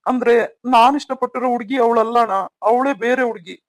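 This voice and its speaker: A man's voice: extremely high pitch, fairly even intonation, fast talker, no room sound. A man voicing an earnest young married man who pleads with his elder brother in a cartoon story. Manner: pleading, emotional.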